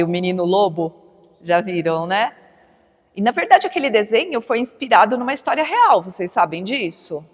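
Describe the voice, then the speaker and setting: A middle-aged woman gives a chatty, informal spiritist lecture to an audience, often adding tag questions. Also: mid-range voice. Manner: chatty, frequent tag questions, laughs along. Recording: long hall reverb.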